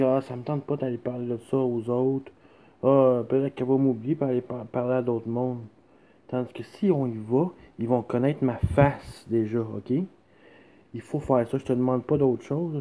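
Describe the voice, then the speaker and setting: A man's voice: mid-range voice, warm tone. A man with a Quebec French accent making a rambling, insistent personal plea, repeatedly checking that he is understood. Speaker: son speaking to his mother.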